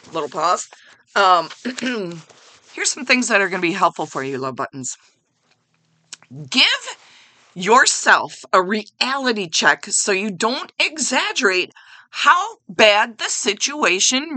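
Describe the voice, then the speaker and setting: A middle-aged woman hosting a motivational self-help podcast, talking in a blunt, chatty and animated way with mild swearing. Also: mid-range voice, no echo. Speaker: podcast host.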